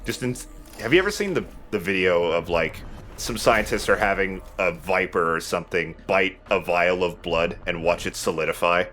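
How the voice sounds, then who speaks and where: A let's play host with a deep, fairly bright voice talks at a moderate pace while playing a game. His commentary is casual and joking, full of banter and some swearing, with game music in the background.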